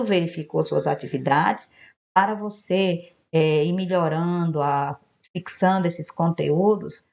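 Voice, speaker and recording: A patient woman teacher from Brazil talks young pupils through a recorded lesson, slowly and gently checking each answer. Her voice sits a little low, and the recording sounds dull and lo-fi, like a home video. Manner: gentle, patient, explains step by step. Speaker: primary school teacher.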